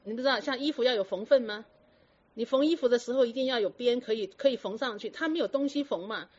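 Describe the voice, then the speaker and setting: A woman telling stories about patients to an audience in a lively, lecturing way full of rhetorical questions. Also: a little high, fast talker. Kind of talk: storytelling talk to an audience. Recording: dull lo-fi recording.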